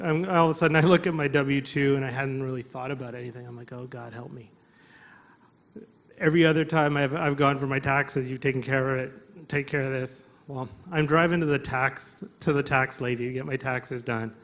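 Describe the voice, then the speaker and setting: A man telling a personal story to coworkers at a live storytelling event, halting and restarting often, laughing through his words. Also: mid-range voice, fairly bright tone.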